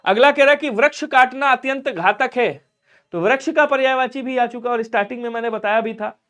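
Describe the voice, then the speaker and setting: A man's voice: very high voice, a little fast, bright, forceful tone. A male teacher giving an exam-prep grammar lesson, repeating key words and asking his students questions that he then answers himself. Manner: repetitive, drills words and keeps saying to remember them; addresses students directly, asks and answers his own questions.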